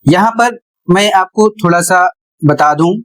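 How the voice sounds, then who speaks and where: A man with a high voice walks through a lesson at an unhurried, careful pace. He spells out each word letter by letter, like a patient classroom teacher. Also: a bit bright, rough recording. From India. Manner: deliberate, spells words out letter by letter. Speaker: English teacher. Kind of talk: slow classroom explanation.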